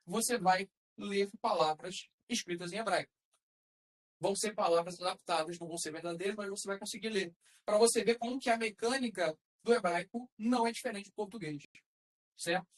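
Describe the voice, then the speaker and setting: A woman's voice: medium pitch, rough recording. Patient woman teaching a class. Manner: patient, explains step by step with check-in questions. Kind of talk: classroom lesson.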